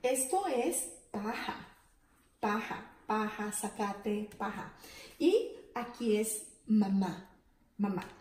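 A woman teaching young children phonics. She sounds out syllables slowly and with emphasis and praises them warmly. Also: mid-range voice, lively intonation, echoey room. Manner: warm, encouraging praise to children.

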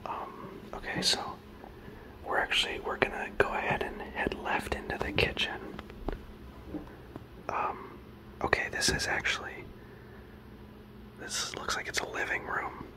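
A man in his thirties whispering a comedy sketch in a dark house, hesitant and full of fillers, close to a handheld phone. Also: measured pace, pauses often, low-quality recording. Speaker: comedian host. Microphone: handheld phone camera close up.

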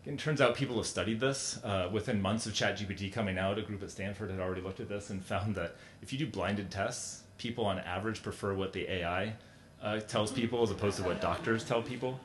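A middle-aged man giving a conference keynote talk in a large hall, speaking conversationally with many fillers and restarts. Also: a little fast. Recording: echoey hall, faint rumble.

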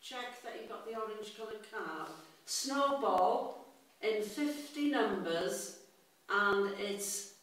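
Woman, bingo caller, set formulaic calls, drawn-out pace, distant from the mic. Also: medium pitch, animated, fairly bright tone. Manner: deliberate, formulaic calling with set rhyming phrases. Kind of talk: calling out bingo numbers. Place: indoor room with bookshelves. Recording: echoey room, distant from the mic.

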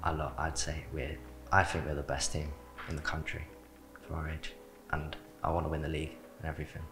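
An academy footballer in his late teens, from south London and speaking with that accent, answers interview questions in short, plain sentences with "like" as a filler. His very deep voice is flat and a little fast. Recording is via handheld mic in an indoor club media studio with music behind him.

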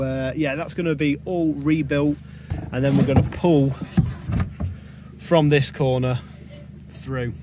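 A man's voice: fairly high pitch, background noise. A young man, a bricklayer, talking casually about his work for a vlog, recorded outdoors on a building site. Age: young adult. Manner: quick, plain-spoken site talk.

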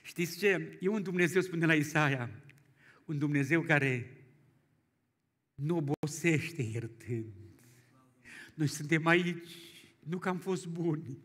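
A male pastor preaching a folksy storytelling sermon, moving from quiet asides to loud exclamations. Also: on the high side, long pauses. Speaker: guest pastor.

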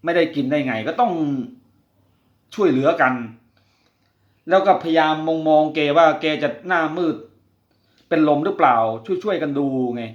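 A man's voice: a little high, normal speed, pauses often. A man hosting a talk about quitting gambling, telling a personal story in an earnest, confiding way and putting direct questions to the listener. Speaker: podcast host speaking on quitting gambling. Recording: roomy, dull lo-fi sound.

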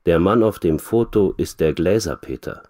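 A man reading the part of a calm, serious male private detective in a storybook for learners. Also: deep voice, moderate pace, lightly acted.

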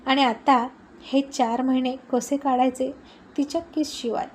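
Woman narrating a story, fairly high voice. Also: unhurried, a little hiss or hum, rough recording. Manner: steady storytelling.

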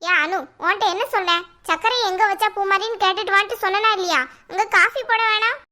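A woman's voice: very high voice, fast talker, pushed and bright. A woman voicing a bossy older mother-in-law in a cartoon, scolding sharply in a Tirunelveli Tamil accent. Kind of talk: cartoon voice acting.

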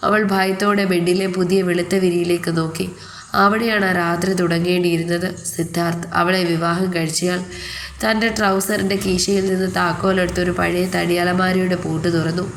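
A woman reading a scripted love story aloud in a calm, even narrating manner. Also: fairly low pitch, moderate pace, slight background noise.

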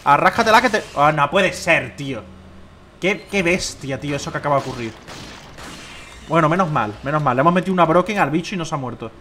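A young man with a Spain Spanish accent, chatting slangily through his own gameplay, rambling and swinging between excited shouts and low muttering. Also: fast, a little hiss or hum. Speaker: gameplay streamer. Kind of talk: casual gameplay commentary.

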